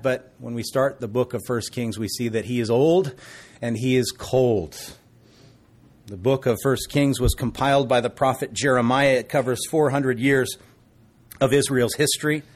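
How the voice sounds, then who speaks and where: A man preaching a sermon as pastor, telling stories in an earnest, folksy, conversational way. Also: medium pitch.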